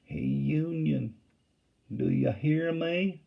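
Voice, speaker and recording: A man voicing a friendly Confederate soldier on picket duty, speaking with a soft Southern drawl. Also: a little high, extremely slow, gravelly, lo-fi sound, pitched above the performer's own voice, exaggerated voice.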